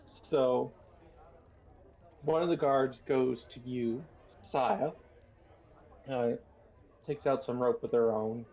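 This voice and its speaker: A man narrating a tabletop game as game master, unhurried and hesitant, with many fillers. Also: mid-range voice, steady tone, darkish tone, highs cut off.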